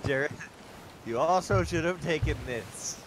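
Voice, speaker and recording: A man's voice: on the high side, unhurried. A man chatting casually in a game, questioning and pleading with his crewmates. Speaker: gamer, crewmate. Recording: clear game noise behind voice. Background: boat and water game sounds.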